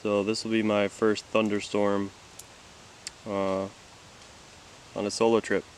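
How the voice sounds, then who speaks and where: A young man talking casually to the camera on a solo camping trip in a forest, relaxed and chatty, thinking out loud. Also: fairly low pitch, slow pace, a little hiss or hum. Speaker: outdoor vlogger. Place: outdoors in a forest campsite. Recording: faint outdoor ambience behind.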